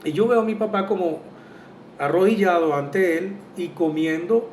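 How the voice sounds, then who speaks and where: A man's voice: normal speed, a little mellow. Earnest man in a roomy echo. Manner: earnest and reflective, with frequent "eh" hesitations. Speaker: spiritual therapist. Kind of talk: casual spoken monologue. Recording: roomy echo from a distant mic, faint rumble.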